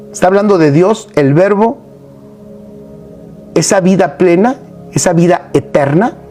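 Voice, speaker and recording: A man preaching a sermon in an animated, emphatic way, full of rhetorical questions. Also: high-pitched.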